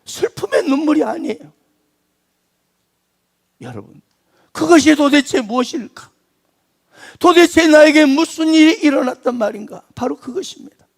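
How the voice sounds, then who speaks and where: High-voiced man preaching a dramatic sermon. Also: expressive, moderate pace, gravelly, pauses often. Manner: dramatic swings from emphatic to hushed, almost whispered. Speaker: pastor.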